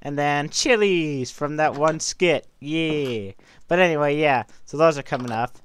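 A man's voice: fairly high pitch, measured pace, smooth. A young adult man hosting a casual update chat for a gaming video channel.

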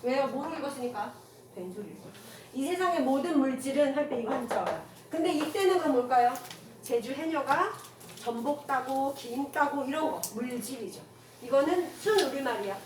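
A woman teaching a classroom grammar lecture, firing quick rhetorical questions at her students and mixing casual with polite speech. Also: sits high, lively intonation. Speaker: Korean language teacher. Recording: echoey room from far off, noisy.

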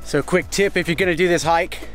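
A man in his thirties chats to a camera held at arm's length as he hikes a sunny canyon. His voice sits a little high and stays upbeat and joking. Music plays underneath the outdoor sound. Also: fairly even intonation, fairly quick, fairly bright tone. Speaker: vlogger on a hike. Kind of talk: casual vlog narration. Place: outdoors on a hot canyon trail. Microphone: handheld action camera at arm's length.

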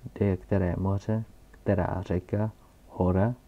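A man reading aloud and voicing a pompous old male geographer who lectures loudly and self-importantly, captured on a dull, lo-fi recording. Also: low voice, level tone.

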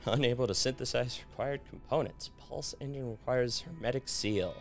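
A man co-hosting a casual gaming session, goofy and quick to laugh at his own jokes. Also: mid-range voice, soft background music. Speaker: co-host playing a game.

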